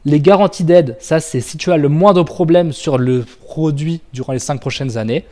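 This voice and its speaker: A man's voice: on the high side, moderate pace, dark tone. A man giving an informal business lesson to a listener, talking casually with many fillers and self-corrections. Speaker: business trainer.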